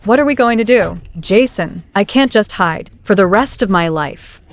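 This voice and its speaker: An actress playing a frightened, pleading fugitive caregiver in overacted dubbed melodrama. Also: female voice, mid-range voice, expressive, moderate pace, muffled recording, lightly acted. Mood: panicked. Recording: music behind the voice.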